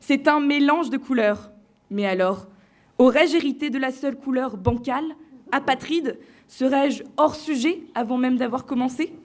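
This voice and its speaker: A woman on stage delivering a prepared competition speech to a live audience, theatrical and playful, with deliberate pauses. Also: medium pitch, a little mellow. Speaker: eloquence contest finalist.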